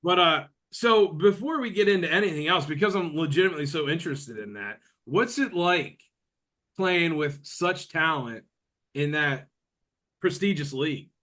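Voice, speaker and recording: Speaking at a moderate pace, this podcast host sounds animated, with a sharp tone and a fairly high voice. He's a man in his late thirties who chats loosely, wandering off on tangents and using lots of filler words.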